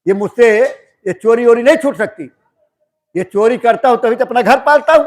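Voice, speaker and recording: A man's voice: very high voice, moderate pace. Man playing a blunt, brash thief. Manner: blunt, dismissive. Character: brash blunt male thief, stubborn and honest.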